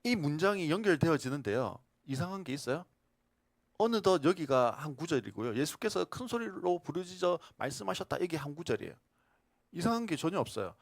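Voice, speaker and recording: A male pastor preaching a sermon, asking the congregation questions and shifting between loud emphasis and soft whispers. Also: fairly high pitch, brisk, dry recording. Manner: animated, swings from loud to whispered.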